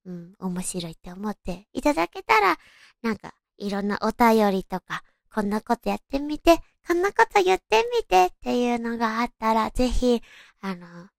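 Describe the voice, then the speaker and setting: Young woman, cute anime-style voice, creaky edges, close dry sound, polite casual radio host. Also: fairly high pitch, dry recording. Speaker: host of a solo audio show. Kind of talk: casual self-introduction talk.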